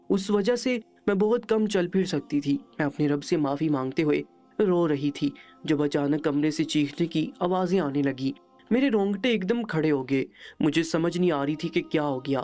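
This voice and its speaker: A woman telling a moral story in the first person, in a steady, measured reading. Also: low voice.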